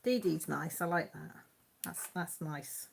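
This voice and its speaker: A YouTube host with a Mid Wales Radnorshire accent chats casually during a live stream on her channel, reading out comments and laughing a lot. Her voice is low, slow and creaky, with slight background noise, and her manner is homely and chatty.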